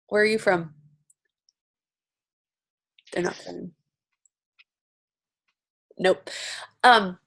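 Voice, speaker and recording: Woman, from Romania, mid-pitched, gravelly creak, upbeat, chatty host, video call. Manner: upbeat and chatty, greeting each guest by name. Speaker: host of an online coaching session. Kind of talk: casual video-call welcome and introduction.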